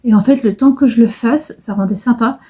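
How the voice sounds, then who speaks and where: A middle-aged woman talks casually to her camera about her handwork, wandering from one thought to the next with frequent pauses and restarts. Her voice is very dark and mellow, slightly high, with a breathy edge. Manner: rambling, hesitant, many fillers and restarts. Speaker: embroidery vlogger. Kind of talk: casual vlog chat.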